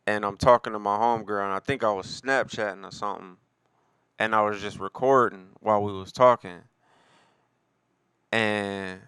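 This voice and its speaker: A man's voice: lowish voice, a bit bright, clear, resonant tone, no room sound. A man, a rapper and producer, talking casually about his own album in a laid-back way, full of slang and fillers. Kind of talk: casual solo talk.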